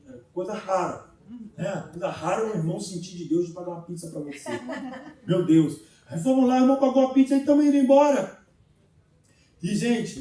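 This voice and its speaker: High-voiced Brazilian pastor in an echoing church. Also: male voice. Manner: lively storytelling with humorous asides. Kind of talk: sermon with personal testimony. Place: church sanctuary. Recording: very echoey church, voice from far off.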